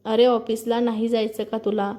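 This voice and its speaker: A woman voicing a shy, gentle young newlywed wife in a narrated story, speaking softly and politely. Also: a little high, little pitch movement, normal speed, close to an everyday voice. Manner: soft, polite.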